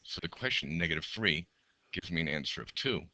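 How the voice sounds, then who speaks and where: A man's voice: deep voice, lively intonation, a little fast, pushed and bright, dry recording. A male math teacher who is losing his voice, talking through graph sketches step by step and counting aloud. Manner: talks through each step while drawing, counts aloud.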